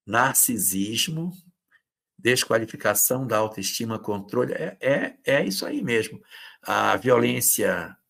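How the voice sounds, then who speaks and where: A man's voice: lowish voice, vocal fry, a bit bright. A man giving an informal spiritist lecture on relationships, talking conversationally and acting out quoted partners in short bursts. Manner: acts out quoted abusive partners in brief bursts; conversational, with hesitations and reading out viewers' comments. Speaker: spiritist lecturer hosting a live talk.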